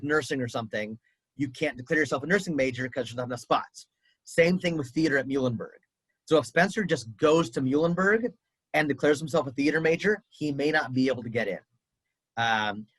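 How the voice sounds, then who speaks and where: Upbeat higher-voiced man on a video call. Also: fairly bright tone, no room sound, low-quality recording. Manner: chatty, upbeat, lots of fillers. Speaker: college audition coach. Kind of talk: casual advice on a video call.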